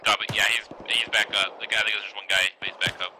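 A man playing a military sim, talking in brisk, informal radio chatter. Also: lowish voice, little pitch movement, pushed and bright, a little hiss or hum, rough recording.

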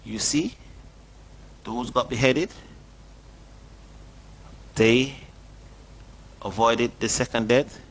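A middle-aged man preaching a sermon and reading scripture at a desk, earnest and questioning, lifting his pitch on stressed words. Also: fairly even intonation, extremely slow, pauses often. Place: small indoor studio at a desk.

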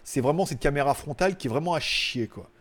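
A man's voice: fairly high pitch, animated, fast. A man from France, hosting a live tech news show in a rambling, joking way with crude asides and frequent laughter. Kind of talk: casual live tech chat. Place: home studio, live stream.

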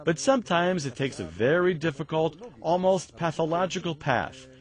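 A man's voice: on the high side, animated, normal speed, a crowd in the background. An older man born near the Latvian border, giving an earnest documentary interview in a museum exhibit room on a lapel mic. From Latvian border region.

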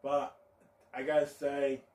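A man's voice: medium pitch, monotone, takes it slowly, darkish tone. A man co-hosting a watch-along stream, chatting casually and hesitantly. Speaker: stream co-host. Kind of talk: casual reaction chat. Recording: echoey, distant from the mic.

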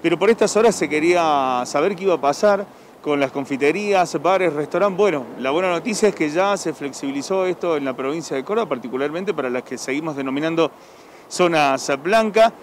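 A man's voice: on the high side, a little fast, slight background noise. A young man with an Argentine accent reporting on location for local TV news, chatting with customers through a handheld mic. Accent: Argentine Spanish. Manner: conversational, chatty reporter asking short questions. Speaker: field reporter. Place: outdoors on a town sidewalk and inside a café. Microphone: handheld reporter microphone.

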